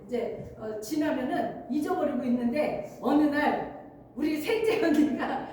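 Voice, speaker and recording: A woman's voice: sits high, animated, a little slow, warm tone. A woman pastor preaching a sermon, earnest and emphatic, often laughing as she speaks. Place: church sanctuary. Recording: very echoey church hall, mic at a distance, faint noise.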